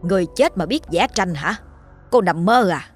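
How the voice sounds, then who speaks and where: A woman's voice: lowish voice, animated, normal speed, soft background music. A woman voicing a scheming, mocking older first wife who scolds shrilly and wails theatrically.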